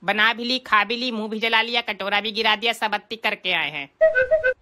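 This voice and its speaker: A woman's voice: on the high side, sing-song, moderate pace, pushed and bright, faint music behind. Woman doing a bratty pestering boy. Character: cheeky demanding young boy, the teacher's son.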